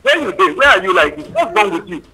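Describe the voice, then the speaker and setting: A man's voice: sits high, very animated, quick pace, creaky, crowd noise. A man with a Nigerian accent talking casually and asking questions, heard over a phone on speaker. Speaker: husband on a phone call. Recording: phone call on speaker, music behind.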